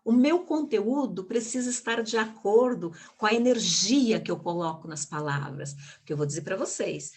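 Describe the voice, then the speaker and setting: A woman gives an online lecture on public speaking over a video call microphone. She talks emphatically, stretches key words and keeps asking rhetorical questions of her audience. Her voice sits at an ordinary middle pitch for a woman. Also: lively intonation, moderate pace, few pauses. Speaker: communication speaker, guest of an online live.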